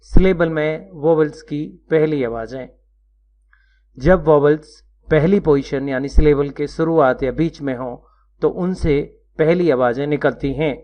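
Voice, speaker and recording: A man narrates a scripted lesson, pausing to spell out each word letter by letter. He speaks very slowly and carefully, his voice sitting slightly high. The recording sounds dull and lo-fi. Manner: slow, measured, spelling out letters one by one. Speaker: teacher.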